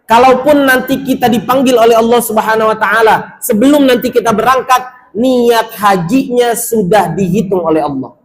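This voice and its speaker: A man's voice: very high voice, moderate pace. A male preacher giving a sermon to pilgrims in a mosque, urging them on, acting out doubting worshippers and chanting Arabic.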